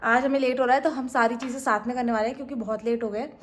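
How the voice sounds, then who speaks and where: A young woman with an Indian accent, chatting quickly and casually as a vlogger. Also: fairly high pitch, fairly even intonation. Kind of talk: casual vlog chat in Hindi-English mix.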